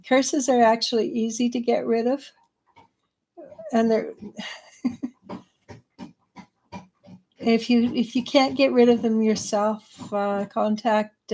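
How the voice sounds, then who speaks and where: A woman's voice: a little high, a little mellow. A woman giving live tarot readings in a chatty way, laughing now and then. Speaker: psychic reader.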